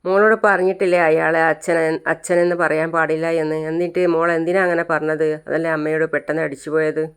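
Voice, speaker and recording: A storyteller casually retelling a TV serial episode in a halting way, with restarts and fillers. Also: mid-range voice, flat delivery, fairly bright tone, smooth.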